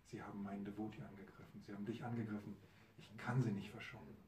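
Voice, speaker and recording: Brief: severe, lordly divine figure, voiced by a male narrator, deep-ish tone, distant mic, audience. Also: flat delivery, fast, darkish tone, a little hiss or hum, close to an everyday voice. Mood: stern. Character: stern, wrathful then merciful male divine lord. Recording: roomy hall, mic far, audience.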